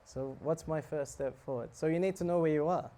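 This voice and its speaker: Speaking briskly in a mellow, somewhat high voice, a South African monk delivers a relaxed scripture talk before a live crowd. His style is chatty and joking, and he often puts questions to the audience.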